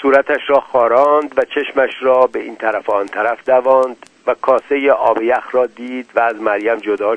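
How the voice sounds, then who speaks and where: A man telling a dramatic story in scripted narration, letting his loudness rise and fall widely. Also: mid-range voice, no room sound. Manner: dramatic, with big swings in loudness. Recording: dull, dry lo-fi recording.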